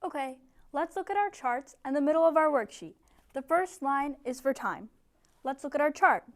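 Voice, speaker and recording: A young woman tutoring a small group of adult English learners in a classroom, giving clear, encouraging instructions. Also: high voice, expressive, moderate pace. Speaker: ESL tutor. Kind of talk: teaching a small group lesson.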